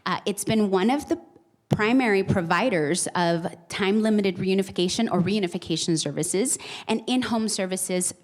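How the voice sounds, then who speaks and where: A woman's voice: medium pitch, normal speed. A woman giving a semi-formal staff presentation in an earnest, emphatic way, slightly muffled by a face mask. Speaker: program supervisor presenting.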